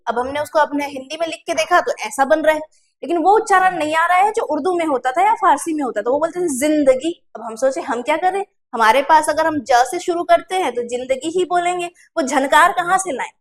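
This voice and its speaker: Woman exam-prep tutor, Chhattisgarh Hindi accent, high voice, patient step-by-step explainer. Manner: explains step by step, asking and answering her own questions; slows to drawn-out pronunciation drills. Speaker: teacher. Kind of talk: exam-prep classroom lesson.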